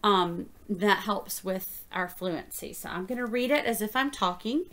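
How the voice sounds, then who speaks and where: A woman teacher demonstrating a reading fluency lesson, explaining each step slowly and praising the reader. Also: medium pitch, a bit bright. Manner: encouraging, explains steps slowly.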